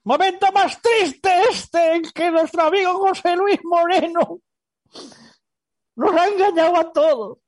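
A squeaky bearded puppet, manic. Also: male voice, measured pace, dry recording. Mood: mock grief. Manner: shrieks and shouts in bursts, goofy. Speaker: puppet co-host. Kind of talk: comedy puppet banter.

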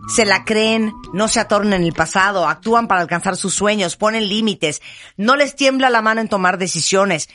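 A woman hosting a radio show, chatty and lively, introducing her guest. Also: medium pitch, moderate pace, soft background music. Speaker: radio host. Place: radio studio.

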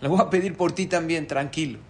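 A man's voice: a little high, brisk, close to an everyday voice. A man voicing a weary, sad man who pleads with God in a parable. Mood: earnest. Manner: earnest, pleading storybook voice.

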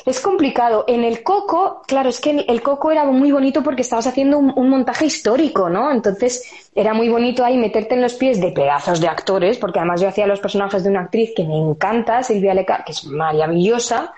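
A woman's voice: on the high side, fairly quick. A woman in her thirties, a stage actress, chatting in an interview, telling anecdotes with frequent laughter and acting out the dialogue. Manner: lively storyteller, laughs often, acts out dialogue. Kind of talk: casual interview chat.

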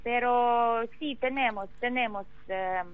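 An emotional woman with a Ukrainian accent gives interview testimony haltingly, searching for words in a language that is not her own. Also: fairly high pitch, phone-quality sound. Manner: halting, searching for words in non-native Spanish. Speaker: interview guest.

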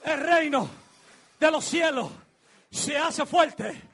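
A man preaching a dramatic sermon, acting out scenes and building to shouts. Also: extremely high pitch, animated, slow pace.

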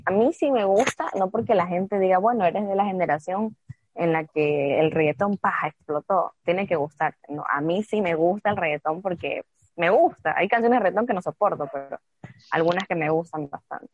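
A woman co-hosting a casual podcast chat, animated and outspoken. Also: on the low side, moderate pace. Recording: dry, slightly dull lo-fi sound.

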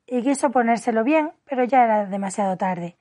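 A woman reads a classic storybook aloud, voicing its scenes with expression. Her voice sits a little higher than usual. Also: brisk, warm tone. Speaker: audiobook reader. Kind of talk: storybook narration.

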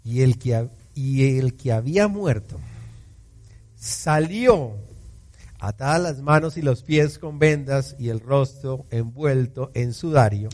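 A man's voice: mid-range voice, slow pace, a little mellow. A man preaching a church sermon, acting out scripture passages, cracking jokes and calling on the congregation to answer him. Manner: theatrical, acting out scripture quotes; jokes and calls on the congregation to respond. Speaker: pastor. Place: church service.

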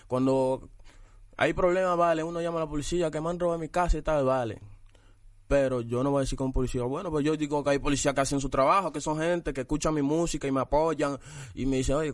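A man's voice: a little high, no echo, clean studio sound. A young man, a rapper guest in a casual interview, talking bluntly and toughly with repeated tag questions.

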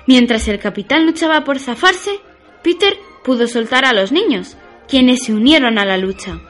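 Woman storyteller, kids' radio, high voice, swings up and down a lot. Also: moderate pace, faint music behind. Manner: lively, expressive reading. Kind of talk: children's story narration.

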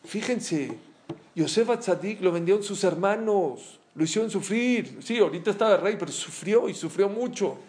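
Animated man teaching Torah. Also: high voice, normal speed. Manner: animated, asks listeners questions. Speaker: rabbi teaching a Torah class. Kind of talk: storytelling Torah lesson to a small group.

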